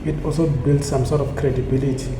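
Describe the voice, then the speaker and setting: He's a South African man, Tsonga by first language, who founded a community initiative. In a flat, earnest, medium-pitched voice he gives a reflective, motivating monologue, haltingly and with repeated phrases, while steady noise fills an echoey room.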